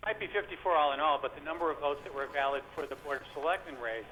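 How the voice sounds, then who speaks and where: A man calling in to a talk show over a landline phone, speaking casually with hesitant pauses and fillers. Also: on the high side, crowd noise. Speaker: caller. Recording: dull lo-fi phone line with faint hiss.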